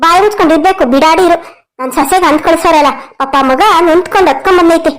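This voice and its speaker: A woman voicing a fiery middle-aged village mother-in-law in a cartoon story, ranting in fast, rustic threats. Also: very high-pitched, rough recording. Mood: angry ranting.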